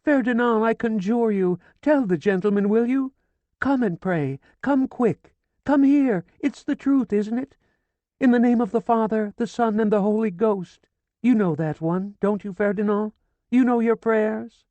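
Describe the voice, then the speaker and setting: A reader performs the character voice of a grieving, frantic older woman for an audiobook, her pleas hysterical, shrill and nearly screamed. The natural-sounding voice is a little slow and mellow, recorded muffled with no echo.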